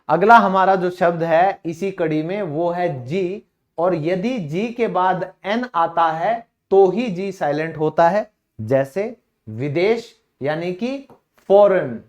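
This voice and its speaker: An Indian man teaching an English lesson, asking questions and answering them himself in a casual, direct way. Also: sits high. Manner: casual and direct, calls listeners brother. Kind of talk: classroom-style lesson.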